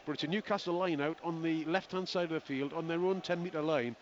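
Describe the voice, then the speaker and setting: A man giving live play-by-play radio commentary on a rugby match, with rapid running calls and chatty asides to his co-commentator. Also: fairly high pitch, steady tone. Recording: lo-fi broadcast with outdoor crowd noise.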